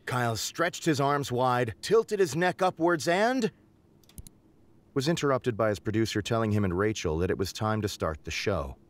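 A man's voice: medium pitch, lively intonation, normal speed. A man reading out a text game's story in a dramatic storytelling manner, chuckling at times. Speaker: story reader.

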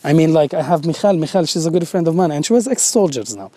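A man in his forties with a Palestinian Arabic accent, a native Arabic speaker, talking earnestly in halting English on an open hilltop, gesturing as he goes, full of "like" and "you know". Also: fairly high pitch, no echo. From Palestinian territories. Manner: animated, gesturing, halting English with many fillers. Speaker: interviewee. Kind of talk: earnest outdoor interview. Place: hilltop outdoors above a city.

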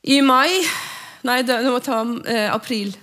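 A woman preaching a sermon and praying aloud, fervent, swinging between loud exhortation and hushed whispers. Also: a little high, fairly even intonation. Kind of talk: sermon with spoken prayer. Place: church.

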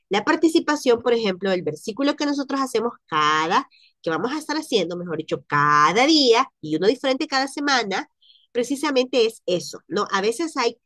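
A woman's voice: on the high side, no room sound, studio quality. A woman teaching an online French class to Spanish speakers, explaining and drilling pronunciation by repeating sounds over a video call.

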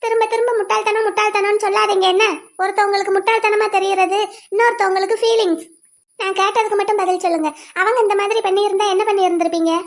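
A woman's voice: extremely high pitch, flat delivery, quick pace. A woman voicing a sweet, clingy young wife in a cartoon, pleading and childlike. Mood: defiant. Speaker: cartoon voice actor. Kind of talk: cartoon voice acting.

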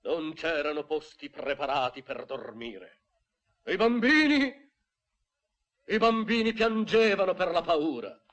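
Flamboyant vain writer, lively swinging pitch, raised voice, soft music behind. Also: male voice, measured pace, husky, lo-fi sound, exaggerated voice. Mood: effusive. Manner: theatrical, effusive, swings from hushed to exclaiming. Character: flamboyant middle-aged male writer, vain and excitable. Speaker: eccentric writer and professor. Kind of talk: 1960s Italian film dub.

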